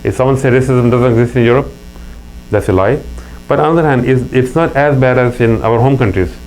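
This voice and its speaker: Soft background music and a faint mains hum accompany this low-quality clip of a middle-aged Pakistani man with a Pakistani accent. A guest in a casual interview, he talks a little fast in a mid-range, darkish voice, telling earnest stories and restarting often.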